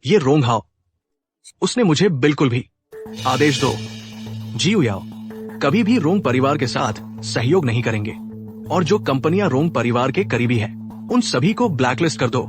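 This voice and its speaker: A man's voice: medium pitch, big pitch swings, moderate pace, long pauses, music in the background, lightly acted. An actor dubbing an older grandfather and family head in a drama, giving stern orders. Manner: commanding. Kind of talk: dubbed drama dialogue.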